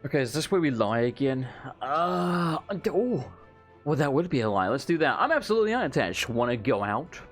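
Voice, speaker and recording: A man's voice: medium pitch, lively intonation, moderate pace, faint music behind. A man doing casual let's play commentary in a joking, irreverent way, with muttered asides.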